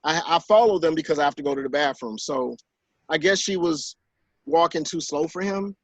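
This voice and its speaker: A man's voice: moderate pace, dry recording. Dry-sounding man telling stories animatedly. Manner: animated storyteller who acts out quotes in higher voices. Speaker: author and guest on a talk show. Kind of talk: casual conversation.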